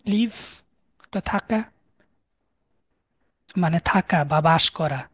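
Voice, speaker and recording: A woman's voice: low voice, slow, a bit bright, slightly rough, no room sound. A woman giving a recorded online language lecture, explaining patiently and spelling words out letter by letter. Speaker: language teacher.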